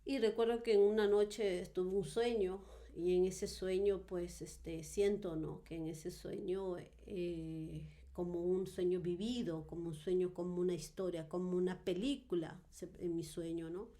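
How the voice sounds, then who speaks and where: A woman telling her personal testimony in a podcast interview, earnest and reflective, often pausing on fillers and tag questions. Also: lowish voice, fairly even intonation, warm tone. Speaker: guest giving a testimony.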